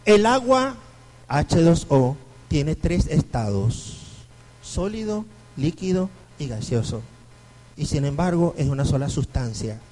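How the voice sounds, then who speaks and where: Animated Venezuelan priest lecturing. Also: male voice, on the high side, a little slow, rough recording. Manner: animated storyteller, acts out quoted voices. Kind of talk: lecture to a parish group.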